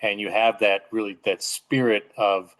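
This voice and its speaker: A man's voice: lowish voice, steady tone, moderate pace, fairly bright tone, low-quality recording. Enthusiastic male podcast host. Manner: enthusiastic, filler-heavy. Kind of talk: conversational podcast interview.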